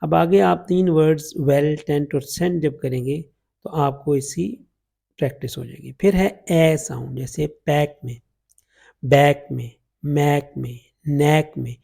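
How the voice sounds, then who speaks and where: A man teaching English phonetic transcription in Urdu-Hindi, slowly sounding out English vowel examples one by one. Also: a little high, fairly even intonation, vocal fry, dark tone. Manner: slow, drawn-out demonstration of vowel sounds.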